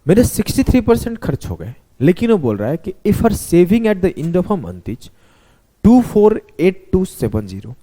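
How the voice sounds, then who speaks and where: Lively, mellow-voiced male math teacher. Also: sits high, unhurried. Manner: animated, talks students through step by step, spells words letter by letter. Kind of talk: classroom lesson explanation.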